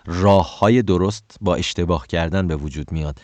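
A man's voice: low voice, darkish tone, dry recording. A man giving career advice in a casual monologue. He gets heated, stammers, corrects himself, and rises sharply when indignant. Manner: many stammers and self-corrections.

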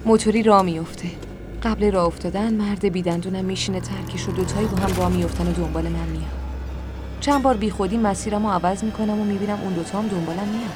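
A woman's voice: medium pitch, noisy background. A woman narrating a dramatic first-person story in an emotional voice. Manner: emotional, shifts to screaming anger in dialogue. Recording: music behind.

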